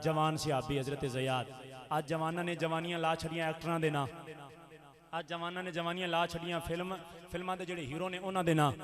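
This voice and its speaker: A man preaching with a Punjabi accent at a wedding gathering, telling an impassioned story and swinging from a soft murmur to loud, chanting delivery. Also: fairly high pitch. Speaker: Islamic preacher.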